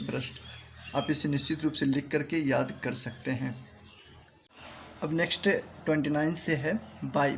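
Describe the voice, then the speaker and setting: A man with an Indian accent teaches English verbs in a measured, repetitive classroom way. His voice sits a little high, and he says each word slowly, often more than once. A faint hiss of background noise runs under the recording. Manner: repeats each word slowly, drilling pronunciation. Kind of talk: spoken language lesson.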